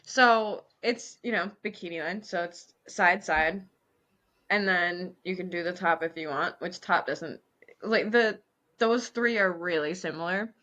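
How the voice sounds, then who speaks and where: A woman's voice: on the low side, measured pace, muffled recording. A woman co-hosting a podcast who works as a waxer, chatting casually and telling stories candidly between frequent giggles. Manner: giggly, candid, animated storytelling. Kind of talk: casual chat.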